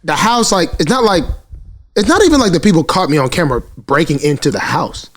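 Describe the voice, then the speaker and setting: A man from Alabama, co-hosting a podcast in animated, joking banter. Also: on the high side, a little fast. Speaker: podcast co-host. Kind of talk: casual chat.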